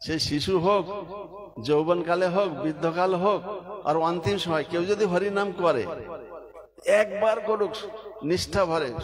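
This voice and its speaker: Man, preacher, devotional sermon, storytelling, slightly high voice, crowd noise behind. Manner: storytelling, leads chanting.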